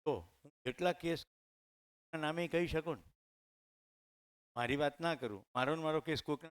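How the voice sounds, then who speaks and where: A man's voice: fairly high pitch, moderate pace, clean tone. A middle-aged man with a Gujarati accent, telling personal stories in a conversational way to a room of teachers at a training session. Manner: conversational, anecdotal, addresses audience directly. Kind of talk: storytelling talk to teachers. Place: training hall with live audience.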